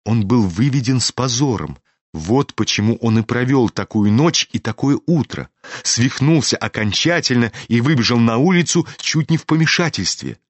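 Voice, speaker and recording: A man giving a measured, literary audiobook narration. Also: mid-range voice, expressive, no room sound. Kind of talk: scripted narration.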